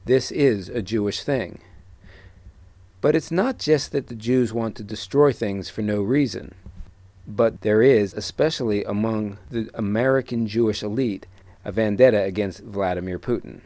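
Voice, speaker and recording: An older man hosting a solo radio podcast, lecturing slowly and deliberately, then reading his own article aloud. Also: on the low side, dark tone, dry recording. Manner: slow, deliberate lecturing delivery.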